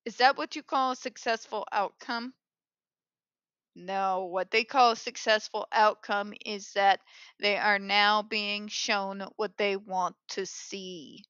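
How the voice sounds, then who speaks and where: In a slow, steady, mid-range voice that's fairly bright and clean, a woman hosts an opinionated advocacy commentary show. She uses a polished call-center phone manner yet stays blunt, sarcastic, and emphatic. The audio is dry and dull.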